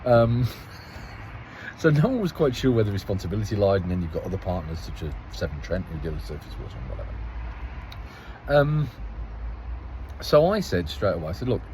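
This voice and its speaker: A man's voice: low voice, very animated, brisk, long pauses, darkish tone, slight background noise, rough recording. A man giving a casual spoken account as a local parish councillor, rambling and restarting phrases as he tells the story with some exasperation.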